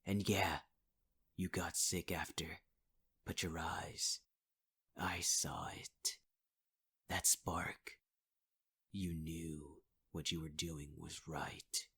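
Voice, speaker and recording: An audio roleplay performer voices a menacing male villain, possessive and cruel, in an ASMR piece. Half-whispering, he taunts the listener coldly and calls them sweetheart, his low voice husky with a fairly bright tone.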